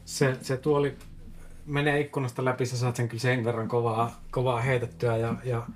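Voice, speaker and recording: A man narrating as game master of a tabletop role-playing game, often laughing and filling pauses as he describes the action. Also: medium pitch, flat delivery.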